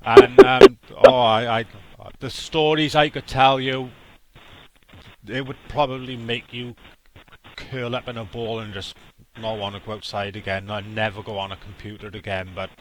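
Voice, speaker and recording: A man's voice: lowish voice, fairly even intonation, moderate pace, background noise. A man from South Wales with a Welsh accent, a scambaiter earnestly giving advice over a phone call, often stammering as he restarts. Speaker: scambaiter host.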